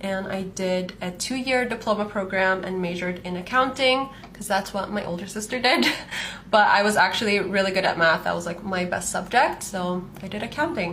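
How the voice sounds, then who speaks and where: A chatty young woman in her mid-twenties tells her life story while doing her makeup at home, her voice sitting at a middle pitch. She talks casually with lots of fillers, and a faint hiss sits under the recording. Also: a bit bright. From Palestinian, born in Saudi Arabia, raised in Canada. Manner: chatty, frequent "like" fillers, light laughs. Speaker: fashion content creator. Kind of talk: casual get-ready-with-me storytelling.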